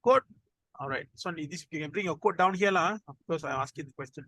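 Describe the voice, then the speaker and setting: A man's voice: fairly high pitch, brisk, pushed and bright, dry recording. A man with a Malaysian accent teaching informally as an instructor, in colloquial Malaysian English peppered with 'lah'. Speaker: programming instructor. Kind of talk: informal lesson.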